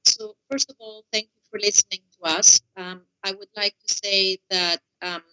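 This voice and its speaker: A woman's voice: medium pitch, fairly even intonation, moderate pace, sharp tone, clear, resonant tone, no room sound, rough recording. A woman objector on a video call, earnest and hesitant, her audio breaking up and fading in and out. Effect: choppy online call audio, breaking up and fading in and out. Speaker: objector speaking for a residents' association. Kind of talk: formal statement at a council meeting.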